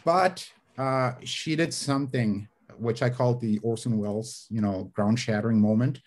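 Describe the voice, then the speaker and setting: Unhurried and a little mellow at medium pitch, a Spanish-speaking screenwriter rambles as a guest in a casual interview over video call. Fillers and restarts pile up as he gestures. He sits in a home study with bookshelves, and a webcam picks up his voice.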